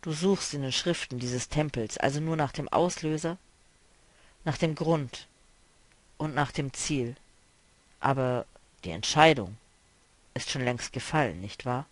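A man reading a novel aloud, voicing a weary, melancholy male traveler who speaks quietly and broodingly. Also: medium pitch, a little slow, pauses often, no room sound, close to an everyday voice.

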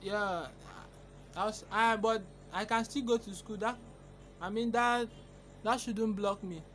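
A man's voice: sits high, fairly even intonation, measured pace, fairly bright tone. A young man making a casual prank call, hesitant and stammering, recorded on a phone camera at arm's length. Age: young adult.

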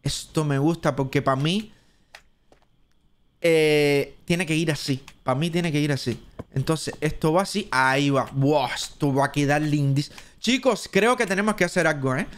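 A man with a Cuban Spanish accent, streaming live gameplay and chatting as he thinks aloud, now and then jumping into a squeaky high voice. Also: normal speed. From Cuba.

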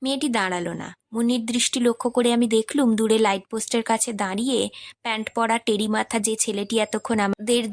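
A woman narrating a literary short story as an audiobook, in a measured, expressive reading. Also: a little high, dry recording.

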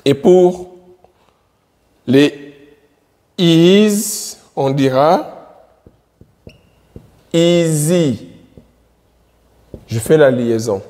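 Slow-talking man teaching at a board. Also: fairly high pitch, mellow, in a large hall. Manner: drills words by repeating them slowly. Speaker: English teacher. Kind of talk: slow classroom explanation at a board.

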